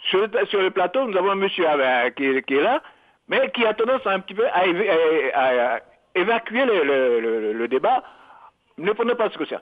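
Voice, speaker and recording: A man's voice: high voice, sing-song, brisk. A man phoning a live show to put a question, formal and rhetorical, repeating words as he hesitates, over a telephone. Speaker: phone-in caller. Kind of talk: putting a question live on air. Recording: dull band-limited phone call.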